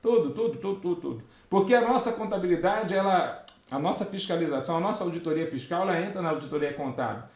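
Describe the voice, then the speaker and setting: A Brazilian man, a tax auditor and teacher, telling a work anecdote and answering viewer questions in a live lesson, with animated asides and many fillers. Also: high voice, fast talker. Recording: roomy echoey sound.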